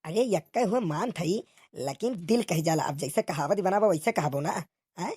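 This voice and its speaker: A woman with a lowish, warm, husky voice performs bickering village policemen in a comic cartoon, speaking expressively at a moderate pace. Her eastern Uttar Pradesh accent colors the exclamatory, colloquial, grumbling banter in rustic dialect, recorded clean in a studio with no room sound.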